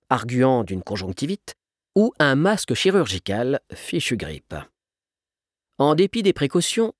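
A man reading a story aloud as an audiobook narrator in an expressive, animated way. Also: mid-range voice, no echo, clean studio sound.

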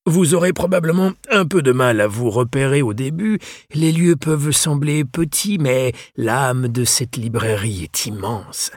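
A refined old English bookseller, as a male narrator puts him on, speaking French with an English accent. The voice sits well above the reader's own, husky at the edges and dry, with every phrase measured and formal. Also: mid-range voice, no room sound, voice pushed up, natural voice. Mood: courteous, genteel. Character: elderly courteous English bookseller man.

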